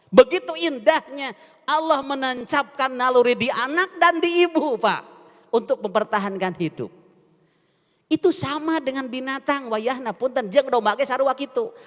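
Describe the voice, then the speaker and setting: A man with a Sundanese accent delivers a mosque sermon, his delivery swinging widely in pitch. He keeps turning to the congregation with questions. The sound carries the long echo of a large mosque hall. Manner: lively, asks the congregation questions and mixes languages. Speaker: preacher.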